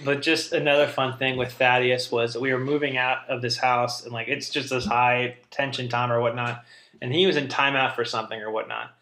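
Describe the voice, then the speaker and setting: A man's voice: mid-range voice, level tone, a little fast, pushed and bright, reverberant. A young man, a podcast co-host, telling family stories in casual chat, rambling and interrupting himself with laughs.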